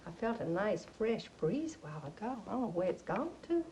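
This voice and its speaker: A woman's voice: medium pitch, sing-song, brisk, dark tone, a little hiss or hum, natural voice. An actress playing a middle-aged faded Southern belle mother, genteel and nostalgic, chattering with a Southern accent and theatrical laughs. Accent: American Southern. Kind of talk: stage play acting.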